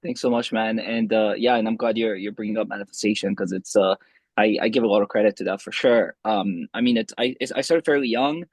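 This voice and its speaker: Husky young man, casual guest. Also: lowish voice, brisk, no room sound. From Romania. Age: 20s. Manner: rambling, many restarts and fillers. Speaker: podcast guest. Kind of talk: casual interview chat.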